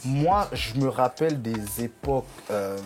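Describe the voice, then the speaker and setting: A young man co-hosting a casual chat show, eager and quick to agree with his guest. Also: medium pitch, soft background music. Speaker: co-host.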